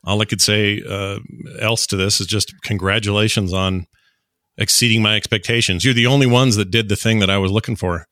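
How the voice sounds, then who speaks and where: A man giving a measured, deliberate critique as a judge on a podcast contest. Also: lowish voice, fairly even intonation, bright, forceful tone, no room sound, clean studio sound. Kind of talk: casual critique.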